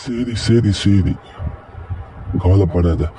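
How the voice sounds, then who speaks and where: A man voicing a calm, wise boy puppet who talks in a gentle, reassuring and somewhat preachy way, in a puppet show. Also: on the low side, extremely slow.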